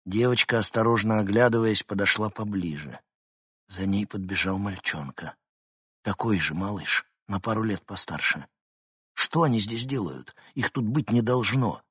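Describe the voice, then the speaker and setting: A man narrating a novel as an audiobook in a measured, tense storytelling manner. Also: fairly low pitch, fairly bright tone, husky, dry recording, studio quality. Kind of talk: scripted narration.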